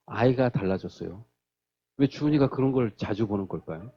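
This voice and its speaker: A man's voice: lowish voice, brisk, breathy edge, dull audio. A male pastor preaching a sermon in a church, telling stories and acting out the quotes. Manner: animated storytelling, acts out quotes.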